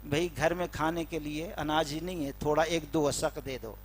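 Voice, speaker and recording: A man preaching a sermon in a mosque, retelling a story dramatically with voiced dialogue and building to loud, emphatic peaks. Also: on the high side, steady tone.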